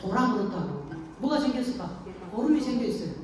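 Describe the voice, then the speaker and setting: A woman's voice: mid-range voice, big pitch swings, fast talker, a little mellow. Folksy woman pastor in an echoey hall. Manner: folksy storytelling, frequent call-and-response questions. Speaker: pastor at an elder care center. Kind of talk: sermon to elderly congregation. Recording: echoey room, distant mic, faint noise.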